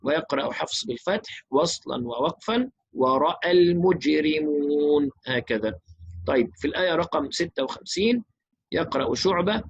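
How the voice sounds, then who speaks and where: A man teaching Quran recitation, explaining rules briskly and chanting verses slowly and melodically. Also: on the high side, expressive, vocal fry, slightly rough, no room sound, muffled recording.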